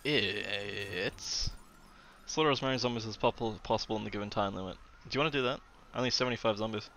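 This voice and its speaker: Bright-voiced young man streaming a game. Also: on the low side, rapid-fire, slight background noise. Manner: laughs often, swears, mimics others. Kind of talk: casual gameplay chat.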